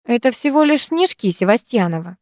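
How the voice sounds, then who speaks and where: A woman's voice: on the high side, big pitch swings, brisk, a little mellow, no room sound, voice pushed up. A woman voicing a cool, mocking teenage girl who talks in a dry, teasing way.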